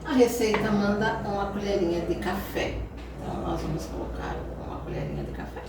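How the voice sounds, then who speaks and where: Brisk and wildly swooping in pitch, a woman's mid-range voice leads a home cooking lesson. She's a Brazilian cooking channel host with a Brazilian Portuguese accent, chatting through every step and checking in with viewers frequently. The kitchen audio is very noisy, echoey, and recorded from far away.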